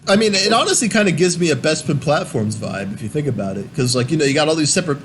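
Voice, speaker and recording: A man's voice: fairly high pitch, animated, fast. Rambling young man with background noise. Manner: rambling, many fillers and restarts. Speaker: podcast host. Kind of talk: casual gaming chat.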